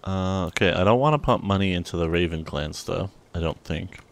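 Deep-voiced laid-back gamer. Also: male voice, brisk, creaky. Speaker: let's play host. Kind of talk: casual gameplay commentary.

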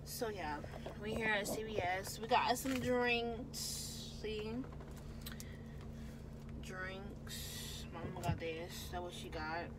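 The recording is very noisy as a young woman chats with her viewers from a parked car, holding her phone camera close for this casual vlog. She speaks slowly in a mid-range voice, often trailing off with "so, yeah" and dropping into a mumble.

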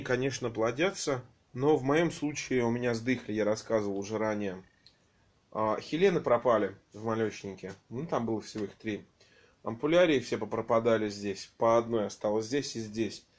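A man whose medium-pitched voice is slightly hoarse from a cold films his home aquariums on a handheld phone. As an aquarium hobby vlogger narrating off camera in a casual home vlog, he rambles hesitantly and uses lots of fillers.

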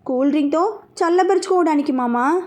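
A cheeky young man jokes and pokes fun with a playful grin in his voice, as a woman reads him. He is a teasing sidekick in a storybook, voiced high. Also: a little fast, darkish tone, lightly acted.

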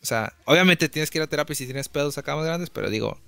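Young mexican guy, pretty high voice, slangy swearing game commentary. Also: expressive, fast talker, gravelly, a crowd in the background. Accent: Mexican Spanish. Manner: slangy, swears freely, laughs often. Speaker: gameplay streamer. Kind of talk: casual let's-play commentary.

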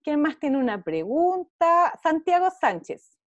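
Lively high-voiced Chilean woman teacher. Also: slow, dry recording, muffled recording. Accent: Chilean Spanish. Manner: encouraging, checks in often with "¿ya?". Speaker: visual arts teacher. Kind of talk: online class to young pupils. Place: home, over a video call. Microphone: video call.

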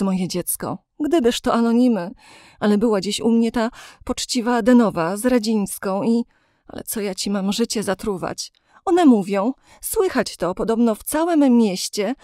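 Kobieta grająca zatroskaną, starą matkę. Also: female voice, a little high, expressive, measured pace, dark tone, no echo, clean studio sound, pitched above the performer's own voice. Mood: distressed. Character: elderly mother, anxious, pious, tearful.

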